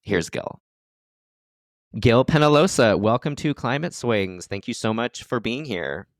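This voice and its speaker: A man hosting a podcast, reading a smooth introduction and then asking casual questions. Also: mid-range voice, expressive, a little slow, no echo, studio quality. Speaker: podcast host.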